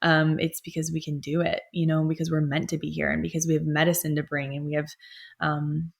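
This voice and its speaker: A young woman talks in a low, even voice, drifting through a soft spiritual monologue. She wanders between thoughts, leaning on fillers and pauses as she muses from home. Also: vocal fry. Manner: soft, meandering, many fillers. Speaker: astrologer and healer.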